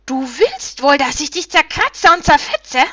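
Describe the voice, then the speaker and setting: A shrill, cackling female bird spirit, cruel and full of spite, shrieking her threats, as a woman reading a storybook puts her on. Her voice rides high and loud. The sound is dull and close, with no room around it. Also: very animated, unhurried, no room sound, full character voice. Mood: cruel mocking.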